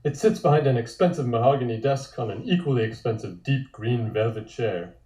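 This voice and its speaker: Over a multistream call from an indoor room, a man with a medium-pitched, dark-toned voice reads scripted stage directions for a table read at a fairly quick pace, dropping dry, wry asides. The home recording is roomy and echoing.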